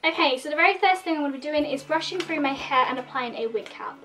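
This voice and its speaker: A woman in her thirties, a makeup vlogger, chattily walks the camera through a makeup tutorial step by step, her voice slightly nasal from a sore throat. She speaks high and quick with a fairly bright tone. The mic is distant, faint music plays behind her, and she's indoors in front of a red plaid backdrop.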